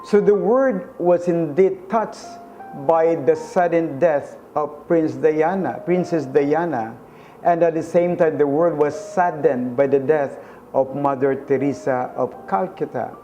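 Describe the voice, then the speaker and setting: Slow, earnest male preacher. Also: fairly high pitch, dark tone, soft background music. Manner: slow, earnest, emphatic with rising stresses. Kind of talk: sermon-style reflection.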